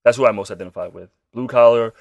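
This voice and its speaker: A man co-hosting a casual chat, animated and swearing freely. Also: medium pitch, quick pace, creaky, dry recording, studio quality. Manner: animated, swears freely, puts on silly quoted voices. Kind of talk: casual chat about comic book shows.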